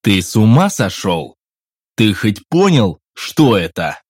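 A man voicing an enthusiastic adult male adventurer in an audiobook, loud and pleading. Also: on the low side, animated, normal speed, dry recording, studio quality. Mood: eager. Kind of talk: audiobook reading.

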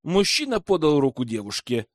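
A man narrating a fantasy audiobook in a lively, expressive reading. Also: fairly high pitch, moderate pace, no room sound, studio quality. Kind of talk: scripted narration.

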